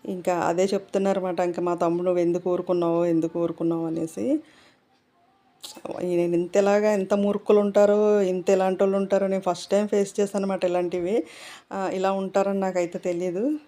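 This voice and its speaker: Middle-aged woman, casual home vlogger, rambling chat, mellow voice. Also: medium pitch, little pitch movement, fairly quick. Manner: talkative, rambling, many fillers.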